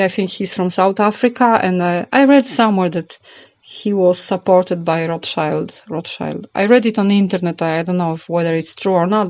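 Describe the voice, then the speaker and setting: A middle-aged Polish woman with a Polish accent hosts her channel, offering a casual opinion monologue that is hesitant, rambling and full of repeats. Her voice is fairly low with a darkish tone, captured in a roomy, slightly dull home recording.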